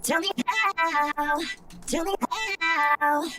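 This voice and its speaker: A slowed, looped sample of a woman's voice with a metallic, frequency-shifted effect that makes its pitch spiral. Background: loud electronic music.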